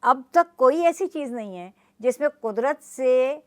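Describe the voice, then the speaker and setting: A woman's voice: high voice, expressive. A woman with a Pakistani Urdu accent, speaking as an interview guest and explaining her points earnestly with examples. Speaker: guest, journalist and environmentalist.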